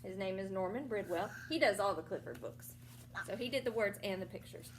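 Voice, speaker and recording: A teacher with a mid-range voice reads a picture book to young children, explaining things simply and stopping for questions and side remarks. There's slight background noise.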